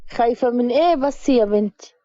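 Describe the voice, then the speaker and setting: A gentle old grandfather coaxes softly, as a woman narrator plays him. He speaks in a doting way. The recording is dry and a little dull. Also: a little high, a little fast, no echo, natural voice. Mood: tender. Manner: gentle, coaxing.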